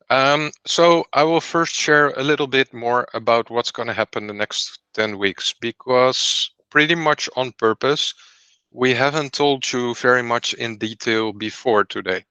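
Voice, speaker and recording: A man who founded a startup company hosts an online program presentation on a video call, explaining each step clearly as he goes. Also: mid-range voice, a little slow, sharp tone, dry recording.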